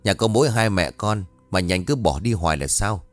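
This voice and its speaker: A man voicing a bossy, spiteful old mother-in-law who shouts and hisses insults at her daughter-in-law. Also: fairly low pitch, expressive, fairly quick, dry recording, soft background music, natural voice. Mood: scolding. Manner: harsh, shouting, hissing insults.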